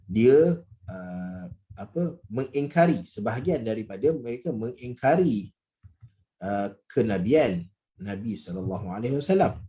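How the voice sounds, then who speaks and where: A male religious teacher gives a relaxed, conversational lecture. His mellow voice swings widely in pitch. He keeps dropping in "okey" and "ha" and acts out different tones of voice to make his points. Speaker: Quran study teacher.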